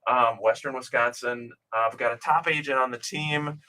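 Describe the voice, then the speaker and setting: A man's voice: mid-range voice, fairly even intonation, normal speed, pushed and bright. A man hosting a real estate radio show, chatting casually and reading out home listings with plenty of ums and uhs. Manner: chatty, reads out listings with many fillers. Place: radio studio.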